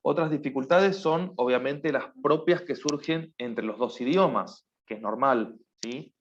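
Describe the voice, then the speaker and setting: A man's voice: mid-range voice, measured pace, highs cut off. A man teaching a class, explaining patiently and often stopping to check that his students follow. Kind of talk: online class lecture.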